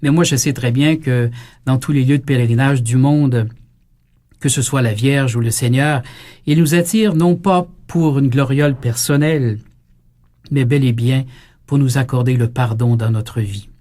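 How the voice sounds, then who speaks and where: Québécois priest telling a story in his sermon, lively, acts out who said what. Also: mid-range voice, normal speed. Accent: Québécois French. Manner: lively storytelling, acting out quoted dialogue.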